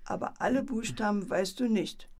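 A woman voicing a cheeky toy monkey who calls out the letters in a bedtime story, with a brisk, bossy manner. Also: mid-range voice, darkish tone, close to an everyday voice. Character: cheeky toy monkey leading an alphabet game.

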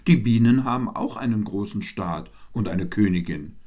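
A man's voice: on the low side, moderate pace, darkish tone, natural voice. A man doing an earnest hardworking ant.

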